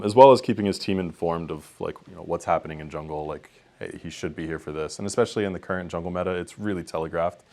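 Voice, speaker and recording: A man's voice: low voice, darkish tone. A young man, an esports head coach, talking candidly in a post-match interview, full of ums and likes.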